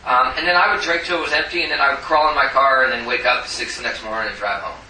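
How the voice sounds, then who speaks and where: Speaking fast at medium pitch with fairly even intonation and a bright, forceful tone, a Tucson, Arizona man in his forties gives his recovery testimony at a meeting. He rambles, mocks himself and chuckles often; the distant mic picks up room echo and faint hiss.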